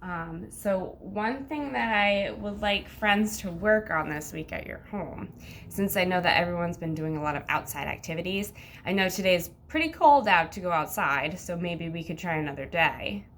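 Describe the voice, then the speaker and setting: A woman's voice: lowish voice, animated, moderate pace, a bit bright, a little hiss or hum. A woman teacher talking like a kids show host to young children, with simple sing-song instructions and counting aloud.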